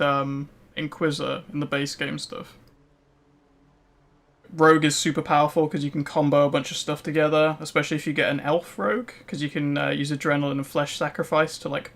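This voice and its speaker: A man's voice: on the high side, fairly bright tone. A man streaming a game, chatting casually and answering viewers with lots of "um" and "like.". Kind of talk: casual gameplay commentary.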